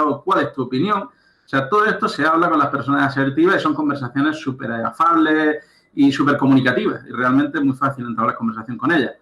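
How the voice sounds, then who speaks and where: A man's voice: mid-range voice, sharp tone, reverberant. A man giving a recorded lecture as a coach, explaining step by step and often checking understanding with "right?". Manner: explanatory, checks understanding with frequent "¿de acuerdo?" and "¿vale?".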